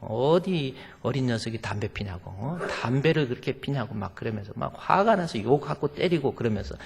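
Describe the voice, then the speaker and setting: A man's voice: medium pitch, animated, brisk, creaky. A male pastor preaching a sermon to his congregation, emphatic and full of rhetorical questions. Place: church sanctuary. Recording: long church reverb.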